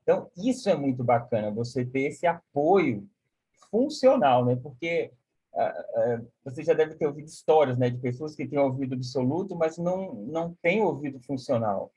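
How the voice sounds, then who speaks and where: A man's voice: mid-range voice, animated, normal speed, dark tone, breathy edge. A man giving a live online music lesson, explaining concepts with many "né?" and singing solfège syllables. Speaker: music teacher. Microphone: video call.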